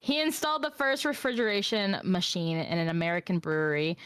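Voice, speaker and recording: A woman's voice: on the low side, fairly even intonation, fairly quick, smooth, no echo, clean studio sound. A young woman co-hosting a casual streamed podcast, reading history aloud and often breaking into giggles. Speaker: podcast co-host, history storyteller.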